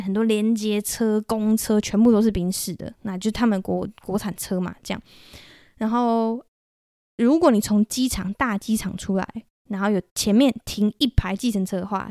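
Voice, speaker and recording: A woman's voice: mid-range voice, no room sound. Chatty Taiwanese woman podcaster, dry sound. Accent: Taiwanese Mandarin. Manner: chatty, animated storytelling with many restarts. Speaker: podcast host. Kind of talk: solo podcast chat.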